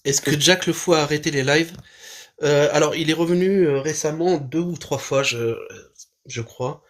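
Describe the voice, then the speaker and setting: A man's voice: a little high, normal speed. A man hosting a live stream, commenting casually on a video with many hesitations and fillers. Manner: hesitant, full of fillers and restarts.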